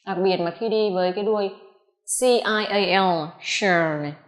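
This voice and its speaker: A woman teaching English pronunciation in a lesson, with a voice of middling pitch. She spells out letters and drawls each example word slowly and carefully. The room around her rings with a noticeable echo. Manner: slow, deliberate modelling of English words.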